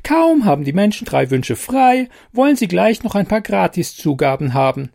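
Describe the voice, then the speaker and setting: A man voicing a tiny, impatient, snippy female fairy with a squeaky voice in a storybook reading. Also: big pitch swings, moderate pace, gravelly, dark tone, exaggerated voice.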